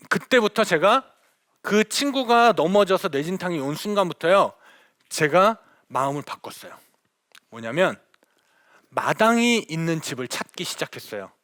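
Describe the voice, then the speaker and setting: A middle-aged man, a missionary, telling stories to an audience in a lively lecture, acting out the dialogue. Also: high-pitched, no room sound, studio quality. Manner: animated storyteller, acts out quoted dialogue.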